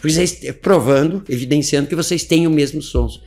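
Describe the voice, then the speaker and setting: A man teaching English in an informal video lecture, animated and full of rhetorical questions. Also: a little high, normal speed, faint music behind. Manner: animated, asks rhetorical questions, chuckles often.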